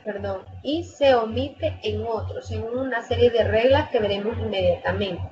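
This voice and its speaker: A woman with a fairly high voice gives an online tutoring lecture at an unhurried, deliberate pace. She reads from slides, runs through example words and corrects her own slips. The video call audio is dull and lo-fi, with a faint hiss. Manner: reads slides aloud and explains them with lists of example words. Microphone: video call microphone.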